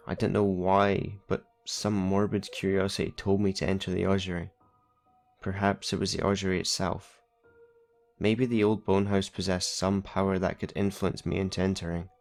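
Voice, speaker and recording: Low-voiced male narrator for a first-person horror story, steady and measured, with soft music underneath.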